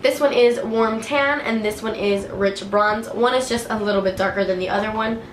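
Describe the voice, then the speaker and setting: In an echoey room with faint ambience and a bit of hiss or hum, a beauty vlogger speaks at a moderate pace in a fairly high voice. She has a head cold and a clogged nose, and she chats casually about her favorite products with plenty of filler words.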